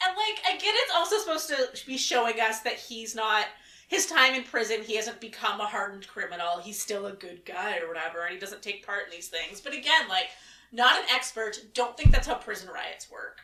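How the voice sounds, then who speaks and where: A woman's voice: mid-range voice, animated, fairly quick, bright, forceful tone. Woman co-host, roomy and distant. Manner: wry, questioning, many "like" fillers. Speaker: podcast co-host. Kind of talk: casual film-review chat.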